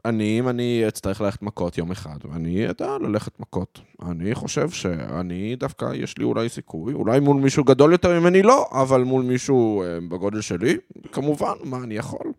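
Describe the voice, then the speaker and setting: A podcast co-host who talks in a loose, relaxed, conversational way with a mid-range voice. He tells his stories casually and teases his partner. The close mic gives a dry sound. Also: medium pitch, gravelly, few pauses, no echo. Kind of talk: casual chat.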